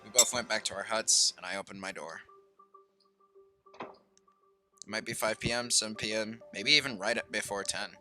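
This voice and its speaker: A man's voice: on the low side, moderate pace, pauses often, over music. A man streaming a game, narrating casually and thinking aloud as he reads. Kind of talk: let's-play narration.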